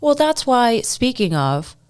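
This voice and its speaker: A woman co-hosting a podcast in casual chat, upbeat, with quick reactions and banter. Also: a little high, sing-song, a little mellow, smooth. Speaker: podcast co-host.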